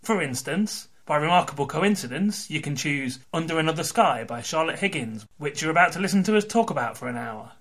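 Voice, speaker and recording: A man's voice: a little high, expressive, brisk, hardly any pauses, fairly bright tone. A man hosting a podcast, chatty and wry in an informal way. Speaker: podcast host. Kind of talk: conversational podcast interview with ad read.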